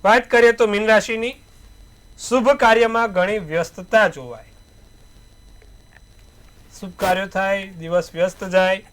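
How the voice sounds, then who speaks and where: Giving the day's horoscope and tarot reading, a high-voiced astrologer speaks at a measured pace in a steady tone, pausing often. He repeats proverb-style advice, his loudness rising and falling as he punches out important words.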